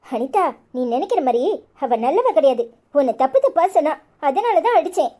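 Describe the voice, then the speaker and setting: A woman with a Kanyakumari Tamil accent voicing a soft-spoken, apologetic young woman in a cartoon. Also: sits high, big pitch swings, moderate pace. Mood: pleading.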